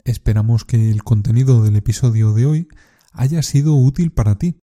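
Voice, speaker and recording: A man from hosting a language-lesson podcast, reading a scripted lesson and leading slow, clear repetition drills. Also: mid-range voice, mellow. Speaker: Spanish teacher podcast host.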